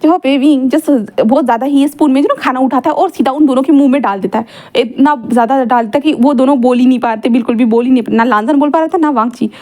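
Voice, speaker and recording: A woman narrating a fan fiction story in a casual, chatty way. Her voice is high and she races along, full of fillers and quick self-corrections. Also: darkish tone.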